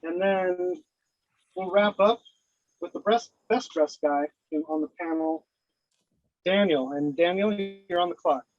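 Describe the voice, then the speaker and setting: A man's voice: high voice, unhurried, pauses often, no echo, highs cut off. A man moderating a candidate forum, talking loosely with many restarts. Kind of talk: casual moderating.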